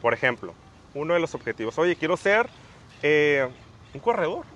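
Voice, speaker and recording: A man's voice: a little high, sing-song, moderate pace, a bit bright, dull audio. A young man hosting a casual podcast, thinking aloud with frequent restarts and fillers. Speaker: podcast host.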